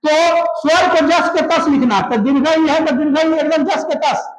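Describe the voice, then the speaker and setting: A man's voice: very high-pitched, moderate pace, slight background noise. A man teaching a grammar lesson, spelling words out step by step and often asking students if they follow. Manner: repeats check-in questions to students, drills spelling step by step. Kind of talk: classroom-style grammar lesson. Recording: echoey room.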